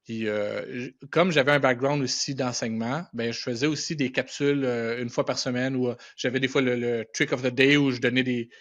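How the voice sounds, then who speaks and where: Fairly quick with few pauses, this middle-aged man's mid-range, fairly bright voice keeps a fairly even intonation. He's an animation and visual effects professional from Quebec, Canada, casually telling anecdotes on a podcast in colloquial Quebec French with English words mixed in. The recording is dull and band-limited.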